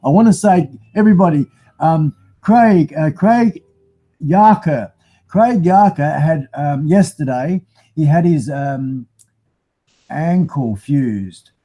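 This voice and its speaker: A man's voice: on the high side, expressive, takes it slowly, lo-fi sound. A man with a broad New Zealand accent hosting a casual live stream, rambling and matey as he chats to viewers. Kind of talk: casual live chat, reading out viewer comments.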